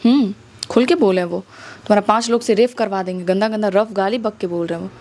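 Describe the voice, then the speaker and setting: This interview guest, a woman with a Bihari accent, tells her story quickly in a mid-range, darkish voice. Indignant and challenging, she relies heavily on rhetorical questions throughout the conversational testimony.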